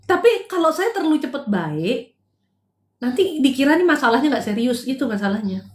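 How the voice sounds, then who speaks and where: High-voiced woman giving blunt live advice. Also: sing-song, a little fast. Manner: direct, scolding then chatty, switches to English phrases. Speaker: live-stream counselor answering viewers' chat. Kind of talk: casual live-stream advice chat. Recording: roomy echo.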